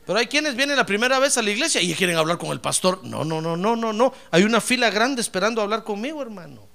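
A man preaching a sermon as pastor, with animated delivery that swings from low asides to loud praise, often calling listeners "brother". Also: quick pace, gravelly. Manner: addresses listeners as "hermano". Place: church.

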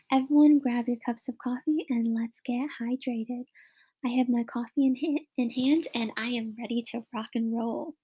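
A woman's voice: sits high, warm tone, breathy edge. A young woman from Washington State hosting a solo podcast in a chatty, upbeat way, with frequent whispery asides. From Washington State, USA. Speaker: podcast host.

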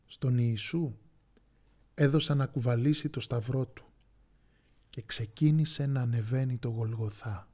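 Male storybook narrator, mid-range voice, slow and dramatic. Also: mid-range voice, warm tone. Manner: slow, dramatic pauses, sometimes whispering.

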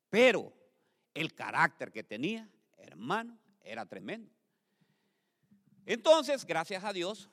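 Man, preacher, sermon, very animated, rises to loud peaks, addresses congregation directly, long hall reverb. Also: medium pitch, creaky. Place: church.

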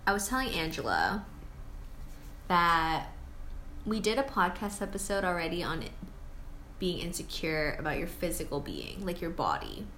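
A woman's voice: lowish voice, big pitch swings, moderate pace, pauses often, fairly bright tone, roomy sound. A young woman co-hosting a casual podcast, rambling and hesitant with many fillers. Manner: rambling, hesitant, lots of likes. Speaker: podcast co-host. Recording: faint background noise.

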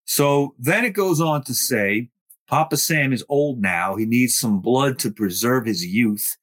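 A man hosting a podcast, reading a letter aloud slowly and then asking his co-hosts questions. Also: medium pitch, fairly bright tone. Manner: reads quotes aloud slowly, then asks the group questions. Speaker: podcast host. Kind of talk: casual podcast discussion.

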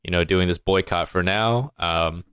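A man's voice: low-pitched, moderate pace, fairly bright tone, clear, resonant tone, no room sound, clean studio sound. A man co-hosting a casual podcast chat, easygoing and hesitant, full of fillers. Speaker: podcast co-host.

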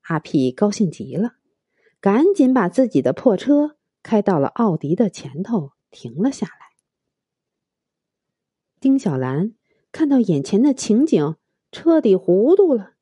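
A woman narrating a storybook tale in an expressive, unhurried reading. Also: mid-range voice, slightly rough, no room sound.

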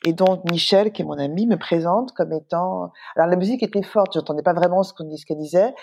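A middle-aged woman, a guest entrepreneur, telling an anecdote in a lively, animated way with plenty of fillers. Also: lowish voice, quick pace, vocal fry, a little hiss or hum. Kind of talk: casual storytelling in an interview.

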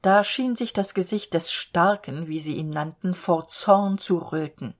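Low-voiced woman reading a fairy tale. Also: measured pace. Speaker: storyteller.

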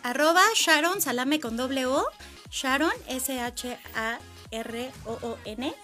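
A woman's voice: sits high, takes it slowly, sharp tone, soft background music. A young woman, hosting a casual panel chat in a playful, chatty way. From Mexico. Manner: chatty and playful, many fillers. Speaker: host.

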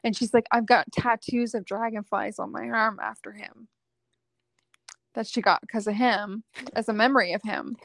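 A young adult woman, a psychic medium guest, chatting casually and acting out the dialogue in her stories with lively energy. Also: fairly high pitch, normal speed, gravelly, no room sound. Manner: lively, acts out quoted dialogue. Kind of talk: casual storytelling chat.

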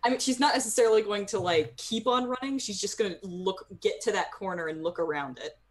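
A woman casually describing her character's actions in a tabletop game, halting as she searches for words. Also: mid-range voice.

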